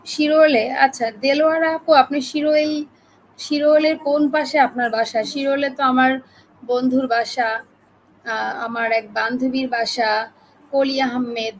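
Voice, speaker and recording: A woman from Bangladesh teaching a live online class with a sore throat, talking gently and chatting with participants as she reads out their names. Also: high voice, fairly even intonation, measured pace, pauses often, slight background noise, poor audio. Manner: chatty, friendly, addresses listeners as apu. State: sore throat, speaking softly.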